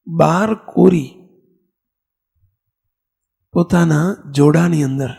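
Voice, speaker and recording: A man with a Gujarati accent giving a sermon as a monk, telling a story in an animated way and acting out the characters' lines. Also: high voice, vocal fry, husky.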